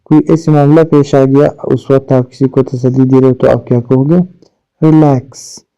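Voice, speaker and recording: A male English teacher with an Urdu accent, a native Urdu speaker, giving a vocabulary lesson and slowly repeating each English word. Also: mid-range voice, steady tone, mellow, smooth. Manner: slow, drawn-out repetition of English words. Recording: dull lo-fi recording.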